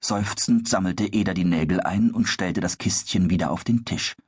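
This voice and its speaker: A man narrating a children's story in a calm, measured storytelling manner. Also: deep voice, breathy edge, no echo, studio quality.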